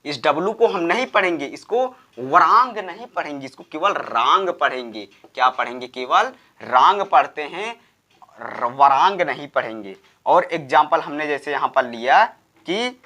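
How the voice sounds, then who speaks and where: Slow, repetitive male Hindi-speaking teacher. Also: fairly high pitch, pushed and bright. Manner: slow, repetitive, drills spellings letter by letter; asks the class rhetorical check questions. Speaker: English pronunciation teacher. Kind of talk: classroom-style lesson.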